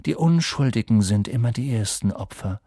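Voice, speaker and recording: A man voicing a melancholy, evasive male centaur in an audiobook, speaking slowly and solemnly with sighs. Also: mid-range voice, expressive, warm tone, no echo, studio quality. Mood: cryptic. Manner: slow, solemn, sighing. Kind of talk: audiobook character voice.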